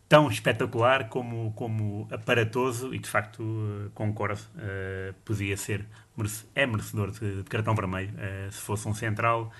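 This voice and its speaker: A man's voice: on the low side, a bit bright. A man with a European Portuguese accent analysing football on a panel, hesitant and often repeating his words. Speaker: football pundit.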